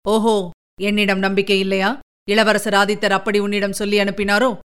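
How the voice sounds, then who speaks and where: A woman's voice: medium pitch, level tone, moderate pace, fairly bright tone, smooth, close to an everyday voice. A woman voicing a proud, brusque middle-aged male fort commander who speaks in curt, commanding questions.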